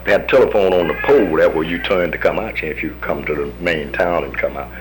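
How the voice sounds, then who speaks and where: A folksy army veteran in his fifties from the United States tells his oral history, acting out the voices of the people he quotes. He is an American man with a deep voice who speaks fast, with background noise behind him.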